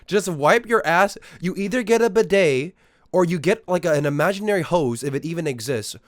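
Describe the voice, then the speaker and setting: A man's voice: a little high, expressive, brisk, darkish tone, no room sound, studio quality. A young man, ranting in a casual, profane way at his live-stream chat. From Australia. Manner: incredulous, profane, exaggerated ranting.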